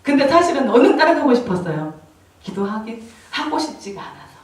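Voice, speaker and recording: A fairly high-voiced woman preaching an emotional testimony, rising into loud outbursts and then dropping to near-hushed confiding. She sounds a few steps back from the mic, and a long, booming echo fills the church around her. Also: big pitch swings, fairly quick. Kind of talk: sermon testimony. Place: church sanctuary. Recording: very echoey hall, voice from a distance.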